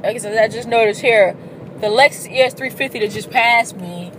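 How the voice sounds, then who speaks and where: A woman's voice: a little high, brisk. A woman chatting casually and animatedly while driving in traffic, swearing freely, recorded in her car. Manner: chatty, profane, animated storytelling. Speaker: vlogger. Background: faint car and road noise.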